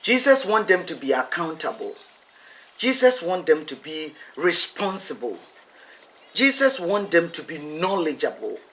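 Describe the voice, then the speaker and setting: High-pitched male preacher, slow and emphatic. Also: sing-song, a bit bright, poor audio. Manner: emphatic, repeats phrases for effect. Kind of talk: teaching sermon.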